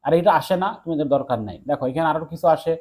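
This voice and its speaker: A young man teaching an exam-prep English lesson, talking quickly to his students and telling them again and again to look at the board. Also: a little high, darkish tone. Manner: rapid, repeats "look" to students.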